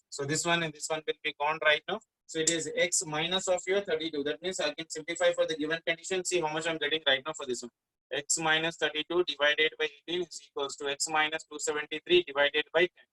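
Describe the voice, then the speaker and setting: Bright-voiced South Indian man teaching a class. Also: on the high side, rough recording. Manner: repetitive, often checks in with questions. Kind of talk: interactive physics lesson.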